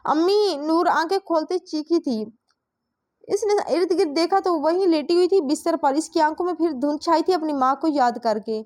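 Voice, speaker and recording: High-voiced woman narrating a romance novel. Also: normal speed, a little mellow. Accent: Pakistani Urdu. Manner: reads all characters' dialogue in her own voice.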